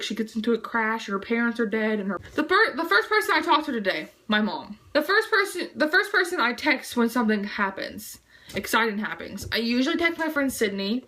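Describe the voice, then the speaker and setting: Teen girl vlogger, high and bright, rambling casual chat. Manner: rambling, lots of fillers.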